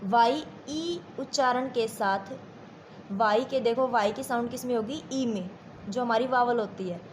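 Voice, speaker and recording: A woman teacher with an Indian accent leads a classroom lesson at an unhurried crawl. Her voice sits a little high, and she goes over each point more than once, stopping to ask whether the class has followed. Soft background noise runs under the recording. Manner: slow and repetitive, checks understanding with questions.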